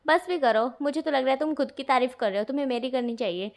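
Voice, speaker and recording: Cheeky teenage boy, teasing, whiny protests, high voice, as a woman narrator puts him on. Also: fast. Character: playful cheeky teenage boy who teases.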